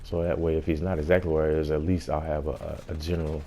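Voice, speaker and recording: A man's voice: rumbling low, little pitch movement, fast talker, mellow. A man giving a casual gameplay tutorial as host, explaining things in an informal way.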